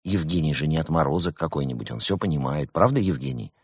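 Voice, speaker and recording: A man's voice: low voice, normal speed, slightly rough, no room sound, clean studio sound, full character voice. A man doing a sugary good-cop lieutenant. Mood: soothing. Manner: calm, coaxing, falsely sweet. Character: same animal lieutenant turned soft, sugary good cop. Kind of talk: audiobook character voice.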